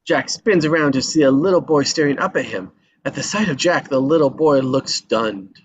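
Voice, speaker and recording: Animated and husky, a man narrates stage directions at a moderate pace during a table read, his voice sitting in the mid range. He occasionally stumbles and says words twice. Background noise accompanies the dull, lo-fi sound.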